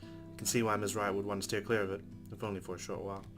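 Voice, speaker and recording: A let's play host with a fairly low voice reads story narration from a visual novel aloud, fast and with little pitch movement. Guitar music plays clearly behind him.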